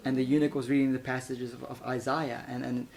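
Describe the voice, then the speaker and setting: A man from Iran giving an animated, casual spoken testimony, laughing often and stumbling over repeated words. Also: mid-range voice, a little fast, creaky. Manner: animated, laughs often, acts out voices in quotes.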